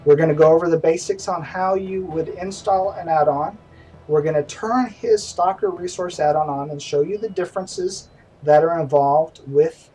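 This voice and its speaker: A middle-aged man hosts a casual game stream from home, chatty and self-deprecating. His voice is fairly high with a darkish tone and a breathy edge. He sounds distant from the mic, the recording is rough, and faint music plays behind him.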